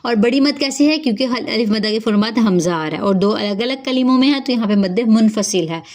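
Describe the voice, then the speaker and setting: A woman's voice: on the high side, lively intonation, darkish tone. A woman teaching Quran recitation rules, explaining patiently step by step. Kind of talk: tajweed lesson, slow recited verses then spoken rules.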